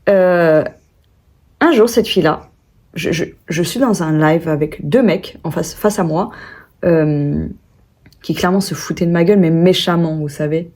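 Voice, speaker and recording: A woman's voice: fairly low pitch, darkish tone. A young woman vlogger telling a personal story in a casual, chatty way, with many fillers and restarts and quoted voices acted out.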